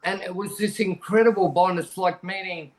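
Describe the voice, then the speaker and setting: A man's voice: sits high, fairly even intonation, normal speed. A middle-aged Australian man telling a personal story frankly as a podcast guest, talking plainly and often restarting his sentences. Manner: conversational, frank, plain-spoken with frequent restarts.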